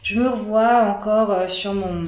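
A woman's voice: medium pitch, steady tone, a little slow, a little mellow, a little hiss or hum. A woman in her thirties, a guest telling her birth story in casual conversation, hesitant with many fillers and restarts. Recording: roomy echo.

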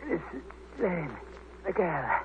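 Slow, high-voiced, weak dying man. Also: expressive. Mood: weak, bitter. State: weak, gasping, fading. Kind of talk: old-time radio drama acting. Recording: noisy, tinny old radio recording.

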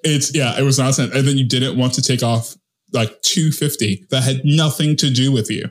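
A man co-hosting a film podcast in casual chat, an animated storyteller who swears and jumps up in pitch at punchlines. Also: moderate pace.

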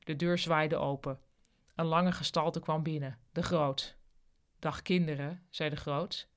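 A podcast host reading a novel chapter aloud in a calm, plain storytelling way into a studio microphone. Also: mid-range voice, a little slow. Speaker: podcast reader and author.

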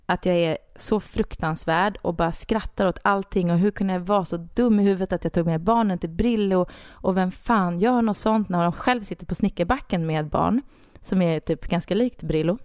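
A woman author, a guest, telling a personal story in a casual, animated way, full of fillers and restarts. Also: fairly low pitch, hardly any pauses, clear, resonant tone, dry recording, studio quality. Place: Stockholm studio.

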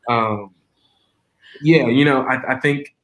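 Slow-paced and mid-range with a slightly bright tone, this twentysomething preacher, guesting on a podcast, recounts a personal story in an earnest, reflective manner, frequently starting over.

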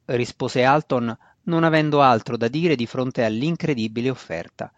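A man's voice: mid-range voice, moderate pace, no room sound. A man narrating a fantasy novel as a reader. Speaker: audiobook narrator. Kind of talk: scripted narration. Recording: dry, dull lo-fi recording.

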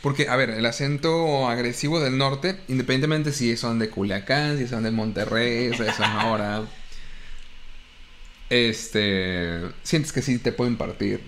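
A man's voice: mid-range voice, measured pace, a bit bright, a little hiss or hum. A man, co-hosting a podcast in casual chat, often correcting and explaining. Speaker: podcast co-host.

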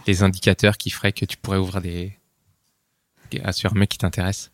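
A man's voice: sits low, little pitch movement, brisk, no echo, clean studio sound. A man co-hosting a podcast, asking hesitant questions. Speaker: podcast co-host. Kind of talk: casual chat.

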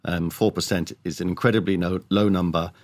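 Very low-voiced man, emphatic interview guest. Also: steady tone, a little fast, darkish tone. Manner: emphatic, opinionated. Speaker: economics columnist, podcast guest. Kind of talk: studio interview commentary.

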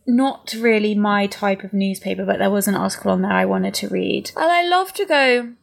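An English woman chats as a podcast co-host, her voice carrying a gravelly, fry-tinged edge. She offers dry, wry remarks in an easy, conversational way. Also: mid-range voice, moderate pace. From England. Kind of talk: casual chat.

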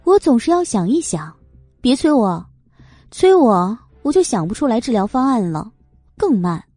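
A woman voicing a calm, mocking young female doctor in an audiobook. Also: a little high, normal speed, slightly rough, no echo, soft background music. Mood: teasing. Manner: light, teasing, cool.

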